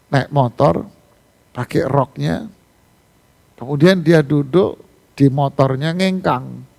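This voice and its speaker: An Islamic preacher gives a mosque sermon on Quran exegesis, telling stories with animation and posing rhetorical questions. His voice is a little high and creaky.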